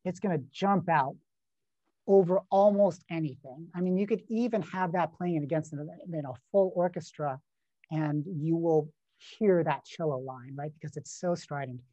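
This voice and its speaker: A man's fairly high, mellow voice comes through a video call at a moderate pace, the highs cut off. He's a composition teacher critiquing a student's score in an online masterclass, speaking casually with lots of fillers and "right?" checks.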